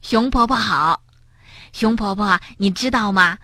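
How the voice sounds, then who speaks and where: A woman's voice: medium pitch, a little slow, sharp tone, no room sound, clean studio sound. A woman voicing a cheeky, playful male frog who teases his friend in a children's storybook. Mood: tattling. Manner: teasing, sing-song storybook voice.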